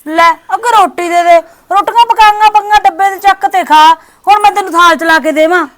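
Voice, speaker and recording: A woman's voice: extremely high pitch, a little fast, a bit bright. A woman playing a cold, nagging daughter-in-law who scolds and dismisses her mother-in-law. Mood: grumbling. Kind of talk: village short-drama acting.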